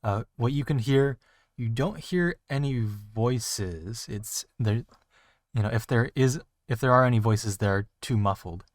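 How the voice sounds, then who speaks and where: A man running a tabletop game as game master, describing the scene with many pauses and fillers. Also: medium pitch, no room sound, studio quality. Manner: hesitant, lots of fillers.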